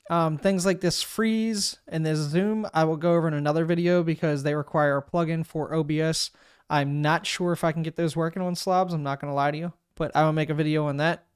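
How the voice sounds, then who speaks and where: Talking into a desk mic, a male streamer with a smooth, clean voice pitched a little high for a man guides viewers through a software setup step by step. His tone is steady and brisk yet easygoing as he thinks aloud while clicking, and the recording is close and dry with no room sound.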